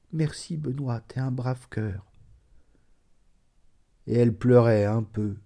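A man reading a classic short story aloud in a measured, dramatic way. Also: fairly low pitch, dark tone. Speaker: reader.

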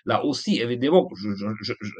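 A man's voice: mid-range voice, expressive, fairly quick, darkish tone, breathy edge, dry recording. A man being interviewed as a guest author, speaking hesitantly and often restarting his words. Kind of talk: interview answers.

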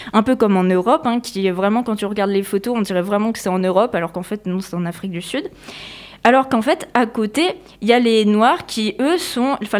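A woman presenting a history segment in a casual, explanatory way, with frequent hesitations. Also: a little high. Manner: chatty, explanatory, many hesitations.

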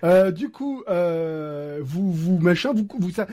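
Man, game master, high voice, halting narration, playful sound effects, online call mic. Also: animated, dark tone. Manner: hesitant, many filler sounds and restarts.

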